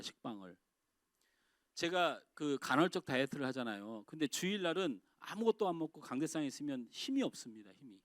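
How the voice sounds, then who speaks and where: A middle-aged male pastor preaching a sermon in a church, talking with the congregation through rhetorical questions and swinging between raised exclamations and quiet, dropped phrases. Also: a little high, no echo, clean studio sound. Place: church sanctuary.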